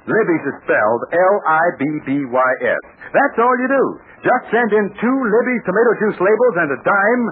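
A man announcing and narrating an adventure serial in an emphatic, animated 1940s radio style, recorded on an old radio transcription. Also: narrow, tinny audio, slight background noise. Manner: emphatic, animated sales pitch to children.

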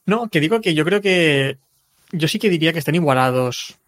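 A man's voice: on the high side, animated, normal speed, a bit bright. A man chatting casually as a panelist on a motorsport podcast.

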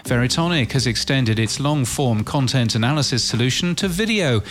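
Over a music bed, a man reads a scripted podcast news bulletin, crisp and orderly as he moves through the headlines with an occasional dry aside. His medium-pitched voice is animated and fairly bright, at a moderate pace.

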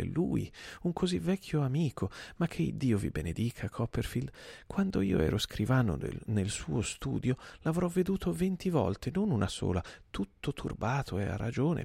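A man's voice: medium pitch, creaky, mellow, slightly rough, dry recording, voice pushed up, exaggerated voice. A man voicing a fawning, hypocritical male clerk who speaks with insolent, oily humility. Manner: oily, falsely humble.

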